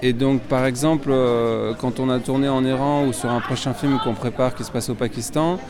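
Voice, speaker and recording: A French filmmaker answers interview questions outdoors as a loud crowd carries on behind him. His mid-range voice holds fairly even intonation at a moderate pace, and he sounds hesitant, full of fillers and restarts.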